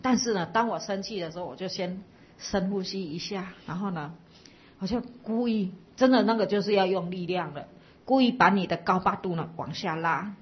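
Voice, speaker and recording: A woman's voice: medium pitch, moderate pace, muffled recording. A woman Buddhist teacher giving a dharma talk to a live audience, explaining patiently and asking listeners to reflect.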